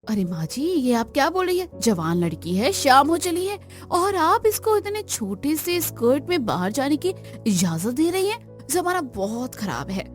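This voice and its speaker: A woman voicing a scheming, sharp-tongued elder sister-in-law in a cartoon, haughty and taunting. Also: high voice, sing-song, normal speed, faint music behind. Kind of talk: Hindi cartoon voice acting.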